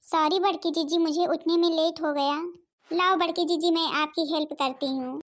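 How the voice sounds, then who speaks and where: A woman voicing a sweet, newly married young daughter-in-law in a cartoon, polite and gentle. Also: very high voice, steady tone, normal speed.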